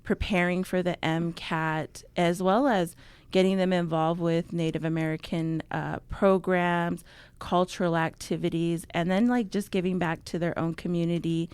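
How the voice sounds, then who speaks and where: A woman's voice: lowish voice, fairly even intonation, normal speed, darkish tone, clear, resonant tone, no room sound. A young adult woman from Navajo, New Mexico, a guest in a radio studio, talking casually and fillings her sentences with ums. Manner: chatty, many ums, laughs easily. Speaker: guest, outreach coordinator. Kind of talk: casual interview talk.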